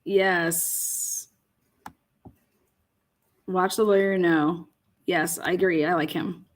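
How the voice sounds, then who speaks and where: A woman's voice: fairly low pitch, steady tone, takes it slowly. A woman co-hosting a casual livestream, reading viewer comments aloud, laughing often and swearing casually. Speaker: livestream co-host.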